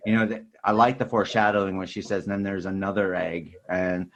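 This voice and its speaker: A podcast host in a film discussion talks casually and ramblingly in a low, level voice at a fairly quick clip. He keeps tacking on filler phrases, repeating "you know" and "sort of thing."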